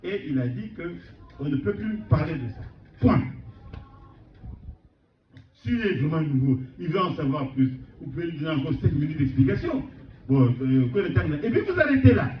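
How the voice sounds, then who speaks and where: A man preaching an informal sermon, animated and repeating words for emphasis. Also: a little high, slight background noise. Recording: echoey room, distant mic, dull sound.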